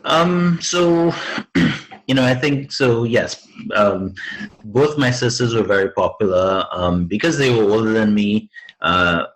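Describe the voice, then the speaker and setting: Deep husky young guy from trinidad, casual podcast chat, rambles with ums and little laughs. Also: slow pace, rough recording. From Trinidad and Tobago. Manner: chatty, many fillers and restarts, laughs easily. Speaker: guest.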